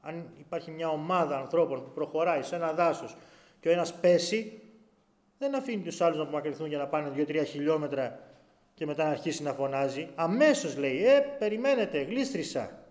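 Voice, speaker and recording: A man preaching a sermon to his congregation. His voice drops low and quiet, then rises loud, and he acts out pleas with a raised voice. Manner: dramatic swings between hushed and loud delivery.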